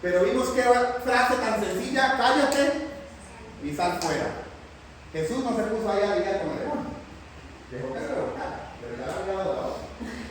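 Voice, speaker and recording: A man teaching a Bible class in a lively way, often putting questions to the class. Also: sits high, fairly quick. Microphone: far from the mic. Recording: echoey hall from far off, faint noise.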